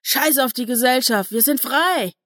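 A laid-back young biker lad with a gloomy streak, as a woman reads him, in a dry, close voice with a slightly raised pitch. He sounds cool and unbothered in a story reading. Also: expressive, normal speed, darkish tone, no echo. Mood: defiant.

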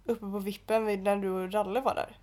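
A young woman co-hosting a podcast, chatting casually and telling stories with lively quoted dialogue. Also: mid-range voice. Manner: animated storytelling, acting out quotes. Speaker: podcast co-host. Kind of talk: casual chat.

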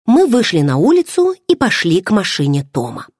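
Husky, lively woman reading a novel. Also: medium pitch, moderate pace, no echo, clean studio sound. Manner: expressive first-person storytelling. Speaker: audiobook narrator. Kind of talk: scripted narration.

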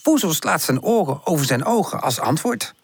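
A man reading a children's picture-book story aloud, lively and expressive. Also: moderate pace, gravelly, husky. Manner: lively, expressive, shifts pitch for each animal character. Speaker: audiobook narrator.

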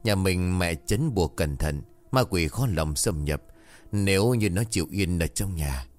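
Man reading stern sorceress mother, scolding and dismissive, deep voice, soft music under. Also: expressive, unhurried. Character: stern, scheming middle-aged mother, sorceress.

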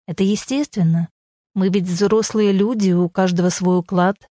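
A woman's voice: medium pitch, fairly even intonation, normal speed, warm tone, dry recording, studio quality, natural voice. A woman reading the part of a grey-haired older man who grumbles but pleads and apologizes, in an audiobook story. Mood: pleading.

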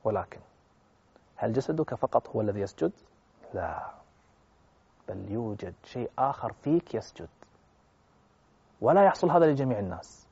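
A male preacher telling a religious story to his listeners with fervour, his voice swelling louder at the emotional peaks, on a dull lo-fi recording. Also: on the low side, sing-song, normal speed, creaky, long pauses, slightly rough. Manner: fervent, swelling loud at emotional peaks, addresses listeners directly.

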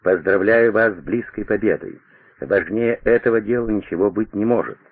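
A gravely ill older aide, weak and effortful yet dryly wry, as a man reading the story voices him. The low, husky voice comes through a narrow, phone-like radio sound. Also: moderate pace. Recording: tinny radio broadcast.

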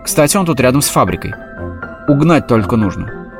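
A man voicing a calm, scheming male cat who talks in a slow, matter-of-fact way in a storybook reading. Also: medium pitch, music in the background.

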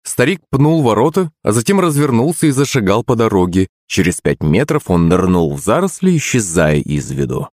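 A man's voice: fairly low pitch, very animated, normal speed, few pauses, a little mellow, dry recording, studio quality. A man narrating a first-person audiobook. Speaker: audiobook reader.

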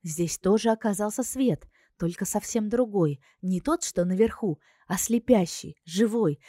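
A woman reads a fantasy novel in the first person, calm and expressive, at a mid pitch. The recording is dry and close, with no room sound. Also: unhurried, no echo. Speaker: audiobook narrator.

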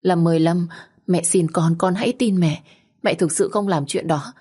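A woman's voice: fairly low pitch, moderate pace, warm tone, breathy edge. A woman doing a pleading scheming stepmother. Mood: tearful begging. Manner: pleading, tearful, insistent. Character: scheming middle-aged stepmother, pleading and tearful.

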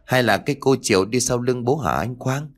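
A man's voice: medium pitch, animated, fairly quick, soft background music, voice pushed up, natural voice. A man doing a curious little boy.

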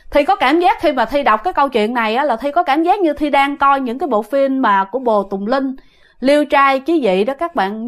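A woman with a Southern Vietnamese accent narrates a ghost story in a high voice. Her pitch leaps around a lot, and she keeps speaking directly to her listeners. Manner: animated, addresses listeners directly.

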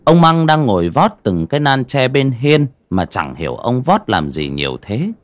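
Guy reading a horror story, super lively voice, dry close sound. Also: mid-range voice, moderate pace, dry recording. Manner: expressive, dramatic.

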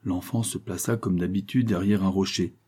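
A man with a low, husky voice reads a short story aloud as its narrator. His delivery is measured and even, and his tone is mellow and dark, suited to an audiobook.

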